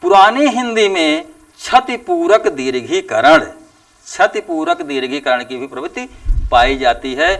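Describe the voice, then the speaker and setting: Male teacher, higher-pitched and gravelly, drawn-out deliberate lecturing. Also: lively intonation, fairly bright tone, recorded from a distance. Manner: slow and deliberate, stretching out example sounds with emphatic rises. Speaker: Hindi teacher. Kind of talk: classroom lecture.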